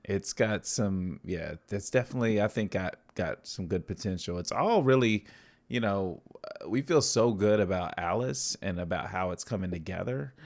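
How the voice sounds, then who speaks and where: A man with a slightly low voice talks through his studio's film projects in a relaxed livestream. He is eager and upbeat and goes on at length. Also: normal speed, gravelly. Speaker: filmmaker and studio co-founder. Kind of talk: casual livestream chat.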